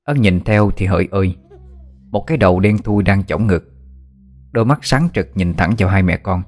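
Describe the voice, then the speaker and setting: Man, narrator, ghost story audiobook, low pitch, steady. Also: normal speed.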